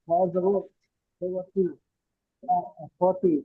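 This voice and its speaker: Male student, high-pitched and slow, unsure spelling, over a tinny call line. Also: monotone, slightly rough, dry recording. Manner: hesitant, spells slowly. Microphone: video call.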